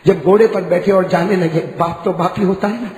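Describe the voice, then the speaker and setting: A male preacher tells a story in a heated sermon, and his voice sits high. He swings from ringing shouts down to low, hushed narration. A long reverb trails every phrase of the big hall. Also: fairly even intonation. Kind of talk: impassioned Urdu sermon storytelling.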